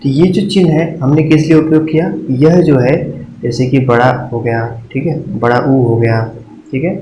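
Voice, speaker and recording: A man gives a patient exam-prep grammar lesson in a medium-pitched voice, stopping often to check that the class follows and counting slowly out loud. The room is echoey, and a faint hiss sits under the voice. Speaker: teacher.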